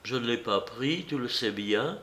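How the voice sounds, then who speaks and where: A man reading aloud, voicing a young servant woman who speaks in a calm, commanding way. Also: medium pitch, measured pace, echoey room. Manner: cold, commanding, quiet.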